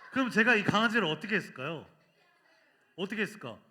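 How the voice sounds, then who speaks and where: A man preaching to children in a lively storytelling style. His voice sits a little high and swings widely in pitch. The tone is very bright and forceful, and he keeps the kids involved by asking them questions. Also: quick pace. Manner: animated, quizzes the children with questions.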